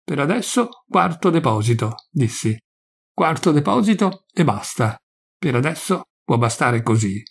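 A man reading a literary story aloud in a measured storytelling manner, lightly voicing the dialogue. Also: on the high side, very animated, vocal fry, breathy edge. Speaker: reader.

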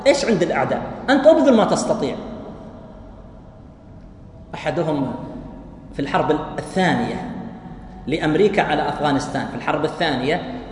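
A man giving a lively religious lecture, asking his listeners rhetorical questions and chuckling between points. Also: on the high side, fast talker, pauses often. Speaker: preacher. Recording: very echoey hall with faint hiss.

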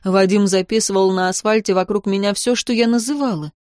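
A woman's voice: mid-range voice, steady tone, fairly quick, a little mellow, no room sound, studio quality. Woman reading a first-person novel. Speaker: audiobook narrator. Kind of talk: first-person audiobook narration.

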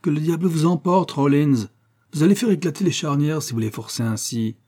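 A man's voice: fairly high pitch, fairly quick, warm tone, slightly rough, voice pushed up. A man reading an audiobook voicing an effusive, evasive aristocratic lord who chatters jovially and talks over others. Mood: breezy jovial.

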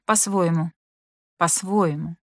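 A woman voicing a soft-natured, cornered husband who mumbles and hesitates, in an audiobook. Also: on the low side, slow pace, no room sound, clean studio sound. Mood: hesitant.

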